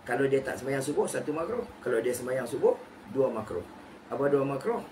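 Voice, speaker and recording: A man teaching a religious text, posing questions to his class and answering them, repeating key phrases slowly. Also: medium pitch, lively intonation, a little mellow. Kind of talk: kitab study lecture. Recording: noisy recording with background ambience.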